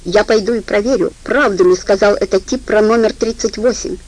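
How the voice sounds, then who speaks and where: A woman's voice: medium pitch, fairly quick, close to an everyday voice, poor audio. A woman doing a furious male gang boss. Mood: angry commanding. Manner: curt, furious shouting. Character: ruthless cornered male gang boss, barking orders.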